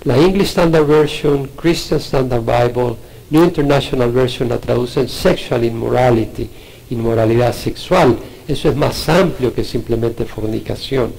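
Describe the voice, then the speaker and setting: A man's voice: mid-range voice, normal speed, gravelly, a little mellow, husky, poor audio. A man preaching a sermon, teaching earnestly and reading verses aloud with emphasis.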